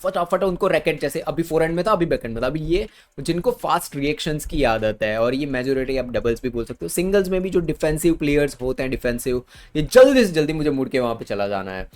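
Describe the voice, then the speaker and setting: A man's voice: fairly high pitch, expressive, fast, a little mellow. A man with an Indian accent explaining badminton racket choice over slides in casual Hindi, repeating words for emphasis. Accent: Indian Hindi with English terms. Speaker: badminton coach.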